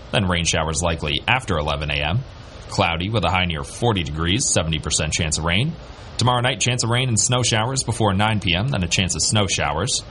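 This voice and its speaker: A man's voice: sits low, pushed and bright. A man working as a local radio announcer, reading a scripted news, traffic and weather bulletin.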